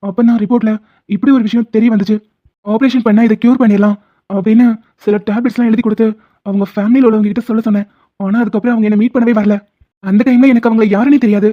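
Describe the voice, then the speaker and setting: A woman voicing a calm, level-headed young man in a dubbed cartoon drama, speaking in a steady, firm way. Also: on the high side, quick pace, close to an everyday voice. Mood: explaining. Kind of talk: Tamil cartoon dubbing. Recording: dull lo-fi recording.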